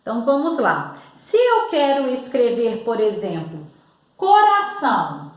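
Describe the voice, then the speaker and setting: A Brazilian woman teaching young children to spell, slow and over-enunciating as she talks straight to the child. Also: a little high, wildly swooping pitch. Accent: Brazilian Portuguese. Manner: patient, over-enunciating, addresses the child directly. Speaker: primary school teacher. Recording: echoey room.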